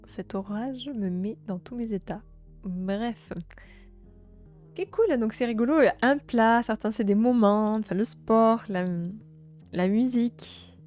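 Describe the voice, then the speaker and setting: A young woman from south-east France with a southern French accent, chatting gently with her live-stream viewers and filling pauses with hesitations. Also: fairly high pitch, soft background music. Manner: gentle, chatty, many fillers and restarts. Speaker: livestream host. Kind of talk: casual live-stream chat, reading chat.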